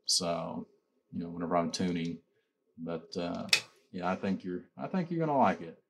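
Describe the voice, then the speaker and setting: Deep and gravelly at normal speed, a man presents amplifiers he built and sells in an informal demo against a noisy background. His delivery rambles, peppered with "you know" and "like I said."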